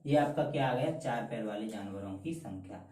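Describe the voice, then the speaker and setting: A man's voice: fairly low pitch, animated, brisk, a little mellow, reverberant, recorded from a distance, rough recording. A man teaching a math lesson at a board, emphatic, repeating key answers and calling his students "beta". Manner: calls students beta, mocks shortcut tricks.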